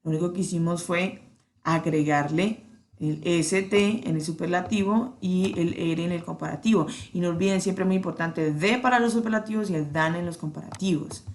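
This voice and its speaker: A woman teaching an English grammar lesson, patiently checking in with her students and slowing down to spell out the examples. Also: fairly low pitch, darkish tone. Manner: patient, checks in with "¿cierto?" often.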